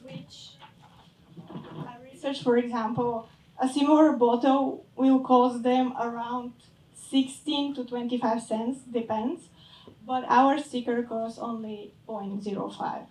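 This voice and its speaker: A young woman from Bulgaria pitching her startup and answering judges' questions, hesitant and searching for words. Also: steady tone, slow, darkish tone. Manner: hesitant, searching for words, fades at phrase ends. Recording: echoey hall from far off.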